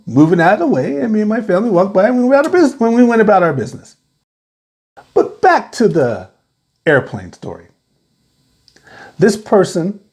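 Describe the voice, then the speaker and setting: A man's voice: mid-range voice, dark tone. A man hosting his own video, talking straight to the camera and giving advice, asking rhetorical questions and repeating his key points. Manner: asks many rhetorical questions. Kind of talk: direct-to-camera talk.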